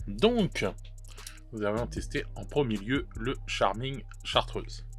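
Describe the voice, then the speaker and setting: A man's voice: medium pitch, animated, slow pace, faint music behind. A man casually reviewing paint colors, chatty and hesitant, with many fillers and restarts and self-mocking laughs at his own mistakes. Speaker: miniature painting youtuber.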